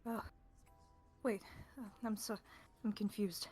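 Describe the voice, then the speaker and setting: A woman's voice: medium pitch, steady tone, slow pace, darkish tone. A woman playing in a tabletop game, improvising casually between describing her character and speaking for him. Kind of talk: casual improvised role-play. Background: faint music.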